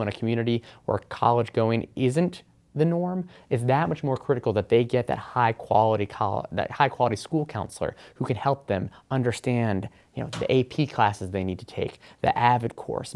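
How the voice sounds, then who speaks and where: A man's voice: medium pitch, gravelly, a little mellow. A man answering interview questions in a webinar, explaining education policy in an earnest way with frequent fillers.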